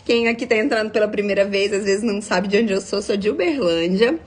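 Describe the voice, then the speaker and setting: A woman's voice: mid-range voice, brisk. A young adult woman, a nutritionist giving a live-stream talk, explaining step by step, reading viewer comments and often checking in with tag questions. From Minas Gerais, Brazil.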